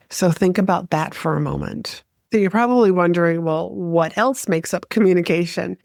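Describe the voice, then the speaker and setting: A woman hosting her podcast as a speaking coach, talking straight to the listener and switching deliberately between quick and slow delivery. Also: fairly low pitch, a little mellow, dry recording, studio quality. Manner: coaching, addresses listener directly. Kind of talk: solo podcast teaching.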